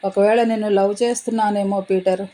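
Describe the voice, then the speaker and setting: A woman's voice: medium pitch, steady tone, fairly quick, mellow, close to an everyday voice, low-quality recording. A woman reading as an earnest young woman in love. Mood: tender. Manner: earnest, pleading.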